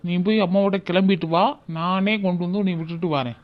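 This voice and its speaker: A man's voice: high-pitched, fairly even intonation, quick pace, narrow, tinny audio, natural voice. Man voicing a soothing cartoon father. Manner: soothing, gently chiding. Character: gentle reassuring father.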